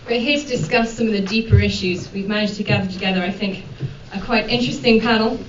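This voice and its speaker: A woman moderator opens an event with formal introductions, pausing often on ums and uhs. She sounds set back from the microphone in a reverberant room. The recording is dull, with a faint hiss underneath. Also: mid-range voice, fairly even intonation. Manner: measured, with frequent ums and uhs. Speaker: panel moderator. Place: conference room. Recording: dull, echoey hall from far off.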